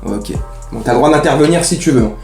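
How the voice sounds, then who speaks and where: A man's voice: fairly high pitch, lively intonation, quick pace, gravelly, a little mellow, roomy sound, soft background music. A man hosting a casual football fan vlog, ranting in slangy, rambling speech. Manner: slangy, heated, rambling with restarts.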